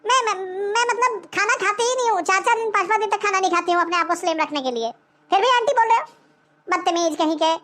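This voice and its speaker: A woman voicing a vain cartoon lady who is furious at being called aunty, scolding in a shrill, indignant tone. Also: lively intonation, quick pace, a bit bright. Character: vain offended woman, insists she's young. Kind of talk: cartoon voice acting.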